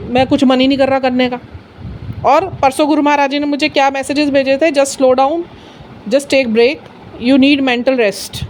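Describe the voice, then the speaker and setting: A woman's voice: high-pitched, a little mellow, a little hiss or hum. A middle-aged woman giving an earnest, personal spiritual talk, mixing in English phrases. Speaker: satsang speaker.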